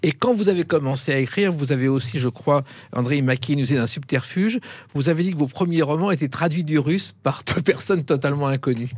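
A man interviewing a guest, asking direct, brisk questions. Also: fairly high pitch, darkish tone, breathy edge, dry recording. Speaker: interviewer, host. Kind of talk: broadcast interview.

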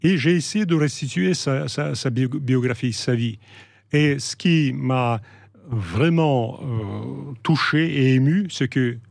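A middle-aged man from Russia with a Russian accent, talking in a measured, hesitant way with many pauses and restarts as an interview guest. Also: medium pitch, gravelly, dry recording, clean studio sound. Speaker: guest, novelist. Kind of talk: reflective interview talk.

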